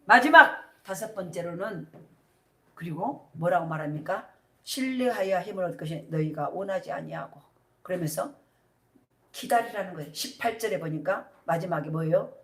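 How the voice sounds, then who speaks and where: A woman's voice: fairly low pitch, moderate pace. Middle-aged woman pastor preaching, echoey church, mic kinda far off. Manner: animated preaching with call-and-response questions. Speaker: senior pastor. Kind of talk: sermon. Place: church sanctuary. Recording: roomy church hall from a distance.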